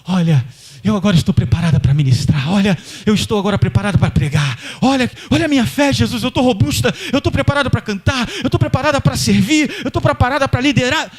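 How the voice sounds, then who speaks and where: A gushing, overeager woman voiced by a male preacher squeals her protests in a very high, swooping voice. She sounds breathless and flustered. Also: animated, fast, slightly rough, exaggerated voice. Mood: protesting.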